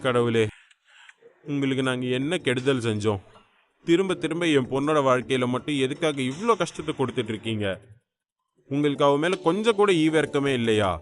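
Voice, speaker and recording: A man's voice: medium pitch, expressive, fairly quick, close to an everyday voice. A man voicing a grief-stricken pleading father. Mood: grieving plea. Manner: pleading, lamenting. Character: distraught middle-aged father praying for his daughter. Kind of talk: audiobook character voice.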